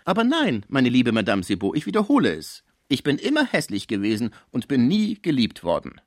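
A man's voice: mid-range voice, wildly swooping pitch, fairly quick, no room sound, studio quality. A man reading aloud and voicing a sick, lonely older musician who speaks plaintively and wearily. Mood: pleading. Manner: plaintive, tired.

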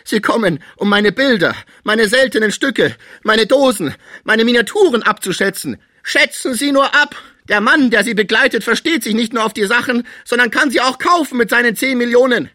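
Feverish old male collector, frantic and shrill, put on by a male reader; dry close recording. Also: moderate pace, hardly any pauses, bright, forceful tone, no echo. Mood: furious. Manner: shrieking, terrified and furious.

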